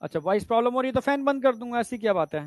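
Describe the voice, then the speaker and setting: High-voiced man teaching biology. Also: lively intonation, very fast, no echo, studio quality. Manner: chatty, repeats "theek hai" often, asks students if they follow. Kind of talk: online exam-prep lecture. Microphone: lapel mic.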